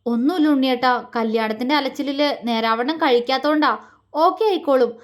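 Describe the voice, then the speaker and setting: A sweet young wife, worn out and faint, talking in a weak, slightly slurred and pleading way, as a woman narrator voices her. The voice is high and soft. It is an audio story. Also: a little fast, natural voice. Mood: tired.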